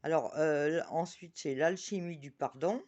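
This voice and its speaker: A chatty woman presenting oracle cards on her channel, talking about herself in the third person and reading each card's message slowly. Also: sits low, a little mellow, muffled recording. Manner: reads card messages slowly.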